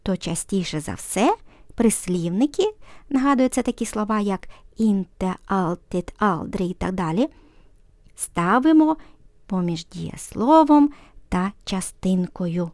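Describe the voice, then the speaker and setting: A woman teaching a language lesson, patiently explaining grammar and repeating example sentences slowly and clearly. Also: mid-range voice, lively intonation, a little mellow, no room sound, studio quality.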